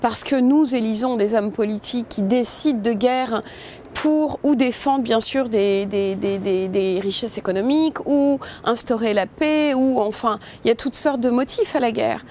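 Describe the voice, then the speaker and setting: A woman with a high voice discusses her work as a film director in an interview. She speaks informally and thoughtfully, pausing often and restarting her sentences. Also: darkish tone, slight background noise. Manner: thoughtful, many hesitations and restarts; informal, addresses listener with "tu vois".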